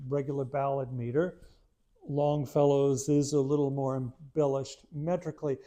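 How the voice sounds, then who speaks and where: A man's voice: mid-range voice, dark tone. A man giving a literature lecture to a small live audience, talking in a conversational, self-deprecating way with frequent restarts. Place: room in a historic house with a live audience.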